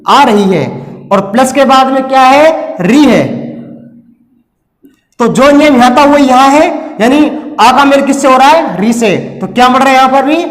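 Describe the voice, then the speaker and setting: A man's voice: very high-pitched, long reverb tail. A man teaching a recorded lesson, explaining step by step and asking and answering his own questions.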